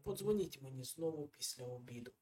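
A man's voice: mid-range voice, animated, brisk, darkish tone, close to an everyday voice. A man voicing an impatient male detective who gives short orders over the phone, in an audiobook. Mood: terse. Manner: terse, impatient.

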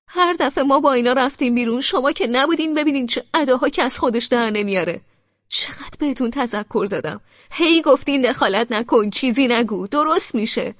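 A woman narrator voicing a furious young man who shouts scornful, sarcastic rebukes at his sister. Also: sits high, no room sound, pitched above the performer's own voice. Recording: dry, slightly dull studio audio.

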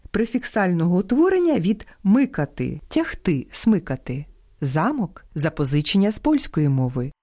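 A woman hosting a scripted radio program on language, reading clearly and stressing words with care. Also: sits low, no echo, clean studio sound. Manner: clear, careful stress on words, lively read-aloud quotes. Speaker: radio host. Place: radio studio.

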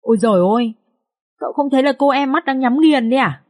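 Female narrator playing a high-pitched young maid, tearful and wailing, in a storybook reading. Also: fast talker, a little mellow. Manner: wailing, pleading. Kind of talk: audiobook character reading.

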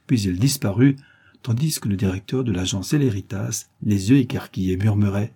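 A man narrating a classic novel aloud in an expressive, theatrical storytelling manner. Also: fairly low pitch, normal speed, husky. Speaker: audiobook reader.

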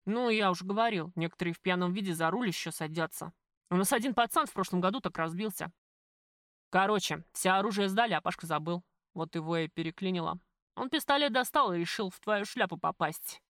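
A woman voicing a crude, jealous male mob boss who talks loudly and bossily in an audiobook. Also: fairly low pitch, brisk, no room sound, clean studio sound. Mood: gruff. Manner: loud, coarse, bossy.

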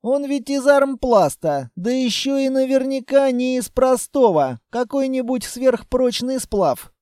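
A man plays a high-voiced, eager sniper in a read-aloud story, bristling and indignant. The voice is mellow in tone but raised and keen, recorded dry and close. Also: animated, a little slow, smooth, no echo. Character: excitable male sniper, proud of his rifle.

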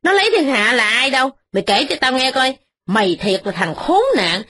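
A woman's voice: sits high, lively intonation, a little fast, pushed and bright. Give me a woman voicing a stern, indignant poor brother. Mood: furious. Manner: lecturing, reproachful.

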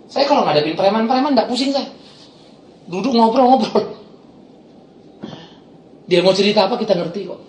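A middle-aged man, a pastor preaching a sermon and telling stories with lively swings from loud to soft. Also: high voice, roomy sound, a little hiss or hum. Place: church.

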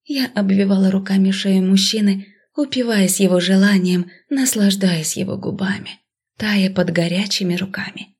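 A woman narrating a first-person romantic fantasy novel with a medium-pitched voice. Her reading is expressive and sinks into soft, breathy hushes in the intimate moments. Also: moderate pace. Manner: expressive, drops to a hush in intimate passages. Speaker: audiobook narrator.

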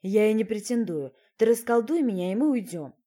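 A woman's voice: on the high side, lively intonation, a little fast, warm tone. A woman playing a snappish frog man. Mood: sarcastic. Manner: snappish, sarcastic. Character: spiteful young man turned into a frog.

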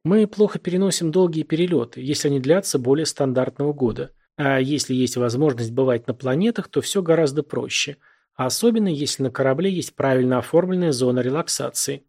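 A man's voice: medium pitch, brisk, a little mellow, lightly acted. A man voicing a cautious, polite female alien refugee in an audiobook. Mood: earnest. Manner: careful, earnest.

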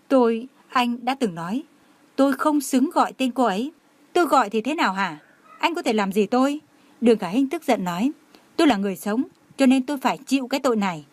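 A woman's voice: fairly high pitch, dry recording. A woman voicing an outspoken, fiery young heroine in an audio novel, defiant and indignant.

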